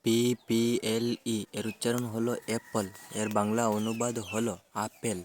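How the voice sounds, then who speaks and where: Speaking in a voice on the low side, a man spells out English words one letter at a time and supplies their Bengali meanings. His delivery is even and measured as he teaches vocabulary.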